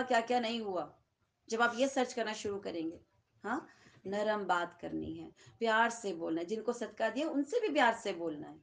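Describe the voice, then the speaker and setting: A woman with a Pakistani Urdu accent giving a Quran lesson to seated listeners, talking conversationally and often asking the room checking questions. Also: mid-range voice. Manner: conversational, asks the audience frequent checking questions. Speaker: Quran teacher.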